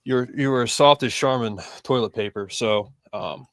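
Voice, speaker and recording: A man's voice: mid-range voice, unhurried, no room sound, clean studio sound. A man hosting a casual sports podcast, talking loosely with lots of fillers. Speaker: podcast host.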